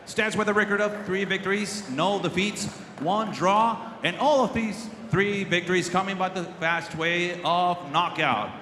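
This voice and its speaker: Working as a boxing ring announcer, a man draws out and belts names in showy lucha libre style, his high-pitched voice pushed and bright at a measured pace. It comes over an echoey arena PA with background noise.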